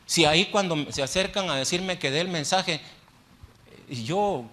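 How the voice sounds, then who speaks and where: A man's voice: a little high, unhurried, bright, forceful tone. A male pastor preaching a sermon in a church, talking conversationally, putting questions to the congregation and repeating phrases for emphasis. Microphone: handheld microphone.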